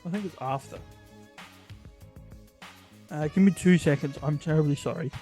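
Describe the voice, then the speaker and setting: A man's voice: fairly high pitch, moderate pace, warm tone, soft background music. A man hosting a casual chat about comic books, talking hesitantly with many fillers and restarts. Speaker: host.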